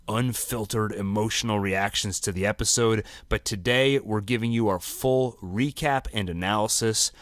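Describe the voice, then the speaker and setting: Podcast co-host, male, low and dry, casual, explanatory. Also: no echo. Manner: conversational, explains plot at length. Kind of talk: casual recap chat.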